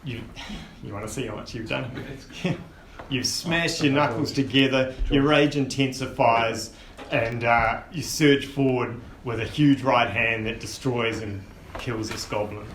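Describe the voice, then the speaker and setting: Echoey game master, rambling narration. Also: male voice, mid-range voice, measured pace. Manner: relaxed, rambling narration with many fillers. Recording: echoey room with faint hiss.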